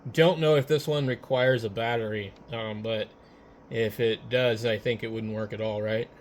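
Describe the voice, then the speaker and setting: His voice sits lowish and flows at a normal speed as he chats informally, with some hesitation, over his ham radio rig. Background noise runs steadily through the recording, captured on hand mics he swaps between.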